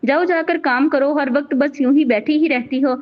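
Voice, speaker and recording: A harsh, cold mother who scolds angrily, voiced by a woman. Her voice is high, and the recording is dull and lo-fi. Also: moderate pace, lightly acted. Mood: scolding. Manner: angry scolding.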